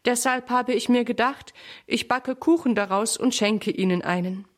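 A woman's voice: on the high side, normal speed, close to an everyday voice. Woman reading as a chatty, stately neighbor lady.

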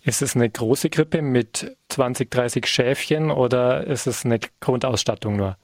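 A man interviewing a guest, asking calm questions and giving short affirmations. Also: medium pitch, measured pace, no room sound, clean studio sound.

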